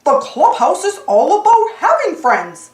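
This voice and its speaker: A woman's voice: very high-pitched, wildly swooping pitch, a little slow, roomy sound, exaggerated voice. Woman doing Goofy, good-natured cartoon dog pal. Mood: friendly.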